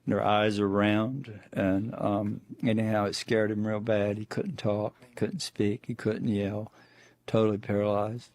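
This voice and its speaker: A man's voice: fairly low pitch, level tone, a little slow, a little mellow. A middle-aged man, a guest on the show, recounting a personal encounter in plainspoken storytelling full of restarts. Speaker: eyewitness guest.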